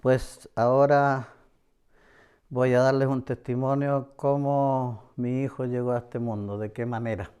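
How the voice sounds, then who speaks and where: A middle-aged man with a Chilean accent shares a personal religious testimony in an earnest, repetitive way. His voice is warm and mellow, smooth and clear. He often pauses on hesitant fillers between phrases. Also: mid-range voice, flat delivery. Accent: Chilean Spanish. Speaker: church member giving testimony.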